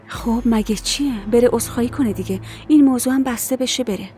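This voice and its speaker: A woman's voice: fairly high pitch, warm tone, soft background music, lightly acted. Woman dubbing a domineering middle-aged mother. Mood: commanding. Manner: commanding, probing. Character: stern mother, domineering and suspicious. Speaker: dubbing actor. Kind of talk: dubbed TV drama dialogue.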